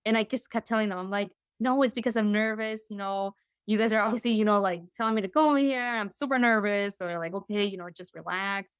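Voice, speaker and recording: Young woman, chatty guest storyteller; smooth voice, dry close recording. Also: medium pitch, fast talker, no room sound. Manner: chatty, full of "you know" and "like", acting out quoted voices. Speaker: interview guest. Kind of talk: casual storytelling.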